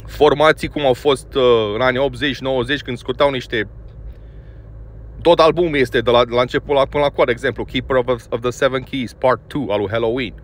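A man from Romania giving a blunt, scolding opinion monologue about a band, full of filler words. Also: mid-range voice. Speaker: music commentator.

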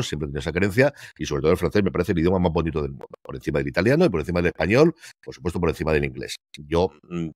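Low-voiced and heard in a dry, clean studio-like recording, a man from Spain co-hosts a casual TV series review chat. He joins the video call from a room at home on a headset and desk mic, speaking emphatically and peppering the talk with rhetorical questions.

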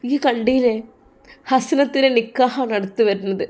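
A woman's voice: a little high, normal speed, darkish tone, close to an everyday voice. A woman voicing a stern, protective middle-aged mother who scolds her daughter insistently, with a Malappuram Malayalam accent, in an audio drama. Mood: scolding. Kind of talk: audio drama role-play.

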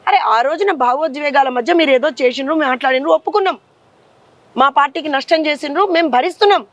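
A woman's voice: sits high, dry recording. A woman party leader with a Telangana accent, speaking in a combative interview and firing off rhetorical questions. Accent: Telangana Telugu. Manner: fiery, rapid rhetorical questions.

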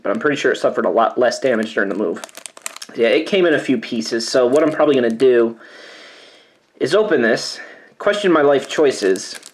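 A man's voice: mid-range voice, animated, a little fast. Man, nervous, sighing, reading labels aloud, wry asides, casual vlog. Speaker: YouTuber doing a food challenge.

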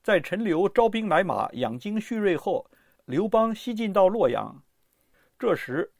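Lively high-voiced male history narrator. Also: no room sound, clean studio sound. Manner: lively, expressive storytelling. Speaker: audiobook narrator.

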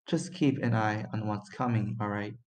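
A teen boy reading a quiet, mysterious police chief. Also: lowish voice, fairly even intonation, normal speed, lightly acted. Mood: calm.

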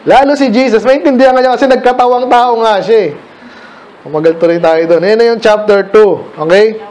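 A middle-aged Filipino pastor giving a casual Bible study talk to children, questioning listeners by name. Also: male voice, high voice, fairly even intonation, moderate pace, darkish tone.

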